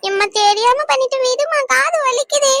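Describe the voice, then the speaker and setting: A woman's voice: sits high, bright, forceful tone, slight background noise. A woman voicing a timid, sheepish young daughter in a cartoon, who talks hesitantly and apologetically. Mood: frightened. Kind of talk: Tamil cartoon voice acting.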